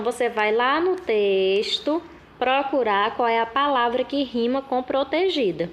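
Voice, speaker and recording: Woman teacher, fairly high voice, patient and emphatic, recorded lesson with faint background noise. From Brazil. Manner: slow, emphatic reading of questions. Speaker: schoolteacher. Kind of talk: recorded remote lesson for children.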